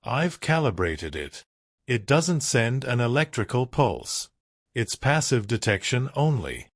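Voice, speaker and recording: A man's voice: medium pitch, sing-song, measured pace, no echo, studio quality. A man voicing a stern, determined middle-aged fisherman in a firm, clipped way. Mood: resolute.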